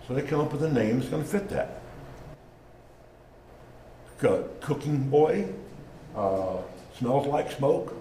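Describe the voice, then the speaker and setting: The speaker, a man talking on genealogy and naming, has a mellow mid-range voice and is animated yet slow, pausing often. His informal lecture is conversational, with small exchanges acted out, recorded in an echoey room with faint background noise.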